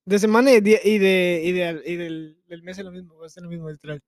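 A man's voice: high voice, fairly even intonation. A young man, co-hosting a casual podcast chat, talking in crude slang and arguing his point. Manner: crude slang, fast, argumentative. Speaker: podcast co-host.

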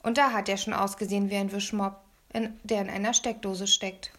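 A woman narrating a children's story in an expressive, animated way. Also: medium pitch, brisk. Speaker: audiobook reader.

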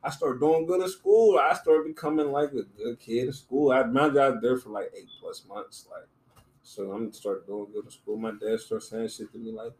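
A man casually telling a story on a podcast, animated, acting out other people's lines in raised voices and laughing often. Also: medium pitch, normal speed. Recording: roomy with faint noise.

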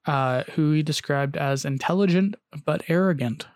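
A man hosting a casual storytelling podcast. He has a gravelly voice pitched a little high. He recounts events haltingly, with many "uh"s and restarts, and the sound is close and dry. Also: no room sound. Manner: hesitant, frequent "uh" and restarts, reads long quotes aloud. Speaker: podcast host.

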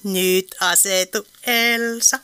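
A woman's voice: medium pitch, steady tone, pushed and bright, smooth, lightly acted. An actress playing a dry, teasing elderly woman with an Eastern Finnish dialect in a radio play. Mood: wry. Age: older. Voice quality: wry, teasing.

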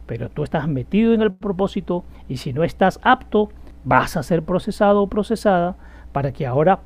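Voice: medium pitch, darkish tone, slightly rough. A preacher giving an emphatic sermon, asking rhetorical questions and acting out quoted prayers. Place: church or studio, shared on screen. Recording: dull lo-fi sound.

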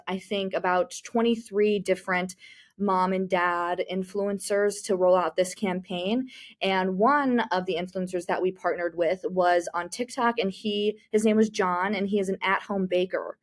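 This is a young woman answering interview questions in a friendly, talkative way. She keeps slipping "you know" between her thoughts, and her voice sits at an everyday mid pitch. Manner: chatty, with many "you know" fillers. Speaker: marketing communications manager.

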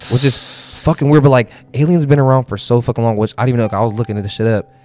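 A man's voice: mid-range voice, steady tone, rapid-fire, darkish tone, faint music behind. A young man chatting casually and telling stories in slangy, profane frat-bro talk. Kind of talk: casual chat, storytelling.

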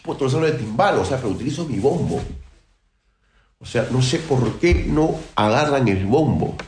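A man from Peru talks as a guest in a casual interview. He is emphatic and outspoken, restarting his sentences often. His voice sits at a middle pitch and carries a roomy echo. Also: animated, normal speed, a little mellow, soft background music. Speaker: guest percussionist.

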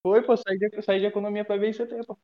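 High-pitched and flat, this young guest rattles through a profane, meandering story for his friends on a call, constantly restarting. It's casual storytelling from a bathroom in the middle of an online class, at a quick pace with the highs cut off.

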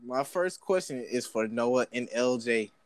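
A man's voice: mid-range voice, expressive, a little slow, heavy background noise. A young man hosting a casual group chat, joking around, swearing freely and bossing the questions along. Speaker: segment host asking questions.

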